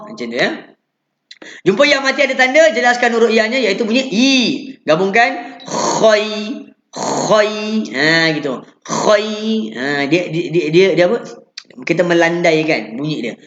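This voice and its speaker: A man's voice: high voice, big pitch swings, moderate pace, fairly bright tone, reverberant, muffled recording. A man with a Malaysian Malay accent teaching Quran recitation in a live lesson, patiently explaining and then chanting each sound as an example.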